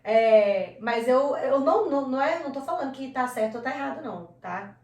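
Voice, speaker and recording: A Brazilian woman co-hosting a casual videocast, chatty and animated, laughing easily. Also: high-pitched, fairly quick, distant mic. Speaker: co-host. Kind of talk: casual chat. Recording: echoey room, slightly off-mic.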